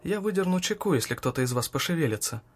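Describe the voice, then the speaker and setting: A man voicing a defiant, unhinged young woman who mocks and shouts with hatred. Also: expressive, normal speed, slight background noise, lightly acted. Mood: fierce. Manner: mocking, shrill, shouting at times.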